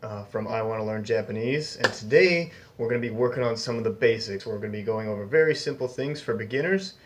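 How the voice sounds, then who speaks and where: A young man hosting a casual beginner Japanese lesson, chatty and upbeat, slowly repeating each new word for learners. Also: lowish voice. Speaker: Japanese language teacher, channel host.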